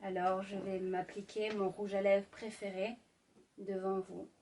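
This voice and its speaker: A woman doing an ASMR role-play as a sultry, intimate ASMR narrator, speaking sensually to the listener with lingering pauses. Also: mid-range voice, little pitch movement, dark tone, distant mic. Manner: slow, lingering delivery with deliberate pauses. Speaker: ASMR performer.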